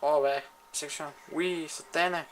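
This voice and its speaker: A man giving excitable live commentary while playing a shooter game, swearing and trash-talking his opponents. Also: fairly high pitch, a little hiss or hum.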